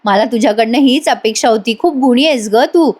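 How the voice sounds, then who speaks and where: Indulgent middle-aged mom, high-pitched, gently soothing, voiced by a woman. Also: fairly quick, lightly acted.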